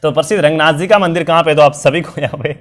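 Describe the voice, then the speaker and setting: A man's voice: fairly high pitch, quick pace, fairly bright tone. A young man, his voice strained and worn, teaching a live online quiz class and quizzing students over and over in an upbeat way. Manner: repetitive, upbeat quizzing with frequent fillers. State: strained, worn voice from illness and long talking. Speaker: online exam-prep teacher.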